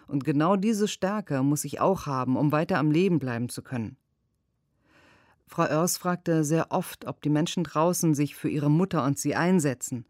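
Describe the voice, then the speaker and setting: A woman reading a lawyer's translated interview answers in a measured, earnest way. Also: low-pitched, a little mellow, no room sound, studio quality.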